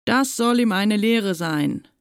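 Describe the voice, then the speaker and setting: A woman's voice: mid-range voice, expressive, takes it slowly, dry recording, clean studio sound. A woman voicing a cocky, grinning schoolboy in a storybook. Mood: smug.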